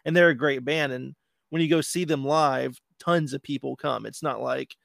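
Gravelly-voiced easygoing man, dry sound. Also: mid-range voice, moderate pace, fairly bright tone, no echo. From Florida. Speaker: podcast guest, band member. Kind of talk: casual chat.

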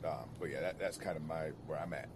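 A man's voice: extremely low pitch, quick pace. A middle-aged man from California, a podcast guest speaking thoughtfully in casual conversation, often restarting his sentences. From California, United States. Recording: audible background noise.

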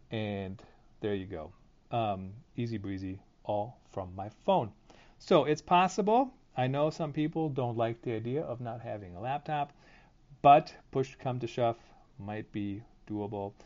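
Give the voice of a man hosting a podcast on his own, chatting informally and thinking out loud as he goes. His pitch is average for a man. He records through phone headphones used as a mic, so the sound is a bit dull and lo-fi. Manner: informal, conversational, thinking aloud. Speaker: podcast and live stream host. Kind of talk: casual solo monologue. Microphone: phone headset, headphones used as mic. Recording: dull lo-fi phone headset audio.

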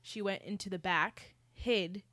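A woman's voice: medium pitch, unhurried, no echo. A young woman co-hosting a podcast in casual chat, telling stories with gasps and the odd swear. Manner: lively storyteller, gasps and swears for effect. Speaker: podcast co-host.

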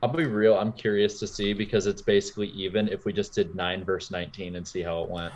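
A man's voice: low voice, flat delivery, quick pace, darkish tone. Man, co-host, casual stream chat, hesitant, restarts phrases, keyboard typing behind. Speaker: co-host running polls.

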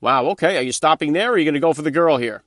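A man hosting a podcast interview, asking questions in an upbeat, brisk way. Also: on the high side, animated, fairly bright tone, no echo. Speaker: podcast host.

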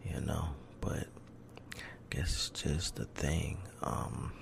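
Very deep, gravelly man, soft half-whispered ASMR. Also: steady tone. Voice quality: deep, rough, breathy low voice. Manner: hushed, slow and halting. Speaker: ASMR video creator.

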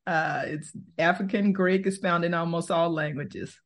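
A woman, answering interview questions in a thoughtful, unhurried way and laughing easily. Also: fairly low pitch, fairly even intonation. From Texas, US. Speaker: podcast host, guest.

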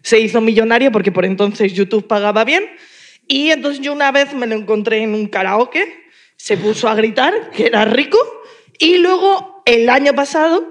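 A woman, a comedian guest, telling a rambling, jokey story in casual podcast chat. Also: on the high side.

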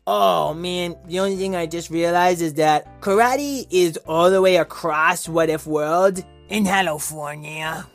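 A man's voice: on the high side, unhurried, gravelly, few pauses, soft background music. A man voicing a goofy, easygoing talking dog with an overlong tongue, rambling and stammering with impeded speech. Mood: flustered, eager. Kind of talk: children's improvised storytelling.

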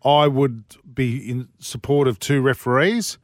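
A man's voice: medium pitch, measured pace, no echo, studio quality. An Australian man hosting sports talk radio in a conversational presenting style.

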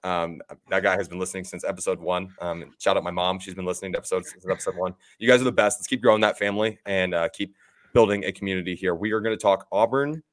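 Young male podcast co-host, quick and chatty, low-ish voice, upbeat rambler. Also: fairly even intonation. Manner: upbeat, rambling, laughs at his own stumbles. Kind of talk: casual podcast chat with ad reads.

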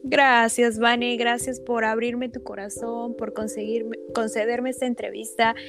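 A woman hosting an interview podcast, asking questions in a gentle, encouraging way. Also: on the high side, level tone, measured pace. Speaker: podcast host. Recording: clear music bed behind the voice.

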